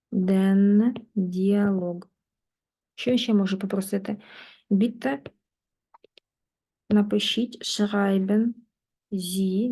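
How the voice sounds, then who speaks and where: A woman teaching German in a lesson, patiently working through exercises and repeating words slowly. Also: mid-range voice, warm tone. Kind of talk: online language lesson, explaining in Ukrainian.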